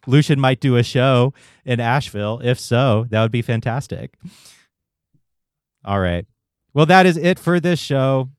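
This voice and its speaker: A man's voice: medium pitch, normal speed, clean tone, dry recording, clean studio sound. A man hosting a podcast, chatting casually and telling stories with the odd swear word. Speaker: podcast host. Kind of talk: casual interview chat.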